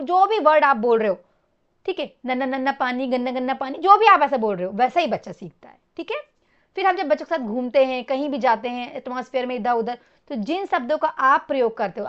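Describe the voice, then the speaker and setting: A woman's voice: sits high, highs cut off. A woman teacher giving an exam-prep lecture, explaining with simple examples and often checking in with her students.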